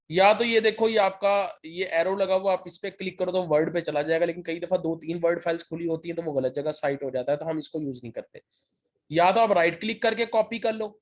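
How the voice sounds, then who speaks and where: A man walks his students through a software tutorial one step at a time. His throat is sore, and he keeps pausing to check that everyone is following. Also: fairly high pitch. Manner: step-by-step, repeats "ठीक है" to check in. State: sore throat, occasional cough. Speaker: lecturer. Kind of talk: screen-share software tutorial.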